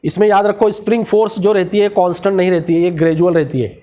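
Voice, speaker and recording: A man with a raised, high pitch teaches physics to a class in Hindi with a Marathi-influenced accent. He drops English technical terms into his sentences. He keeps asking the students questions and then gives the answers himself. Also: fairly even intonation, quick pace, mellow. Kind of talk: classroom lecture.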